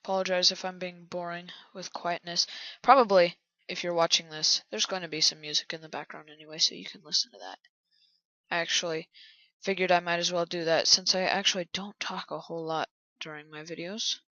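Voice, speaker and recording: A man quietly commenting on his own game build, often half-whispering to himself. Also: sits high, little pitch movement, a little fast, no room sound, dull audio. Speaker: channel host building in a video game.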